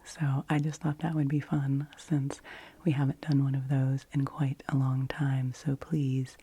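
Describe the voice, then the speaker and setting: A woman speaks in a low, hushed ASMR style, somewhere between soft speech and a whisper. Her voice is very mellow and breathy, with little edge to it. She rambles gently, as an ASMR host giving a channel update. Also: level tone, measured pace. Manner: rambly, gentle repetition of phrases when whispering.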